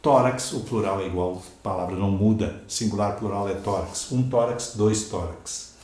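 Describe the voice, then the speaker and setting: A man's voice: fairly low pitch, normal speed, darkish tone, very echoey. A Brazilian man teaching a grammar lesson at a board, explaining step by step and checking in with his listeners. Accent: Brazilian Portuguese. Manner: explanatory, checks in with "né?" and "ok?", spells out letters. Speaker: Portuguese teacher.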